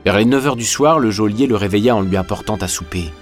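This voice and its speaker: A man narrating an audiobook in a measured, even reading voice. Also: on the low side, faint music behind. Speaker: audiobook reader. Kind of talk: scripted narration.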